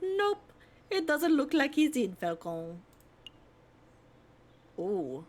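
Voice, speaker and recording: A woman's voice: high-pitched, very animated, extremely slow, darkish tone. A young woman streaming a video game, chatting playfully, giggling and reading game text aloud. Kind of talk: casual game stream chat. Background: game music.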